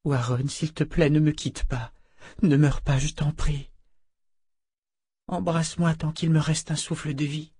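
A man's voice: fairly high pitch, level tone, unhurried, long pauses, a little mellow, breathy edge, voice pushed up. A man voicing a grieving woman pleading with her dying husband. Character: grieving wife of a dying wizard.

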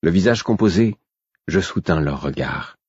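Narrateur masculin de livre audio, voix très grave et feutrée, lecture sobre, prise sèche. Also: male voice, sits low, normal speed, husky, no echo, highs cut off. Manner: steady, restrained first-person reading. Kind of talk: scripted narration of a fantasy novel.

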